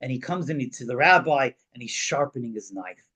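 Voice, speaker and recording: A man's voice: mid-range voice, lively intonation, brisk, bright, forceful tone, husky, poor audio. A male rabbi giving a Torah class, telling a story animatedly with frequent restarts and repeated words.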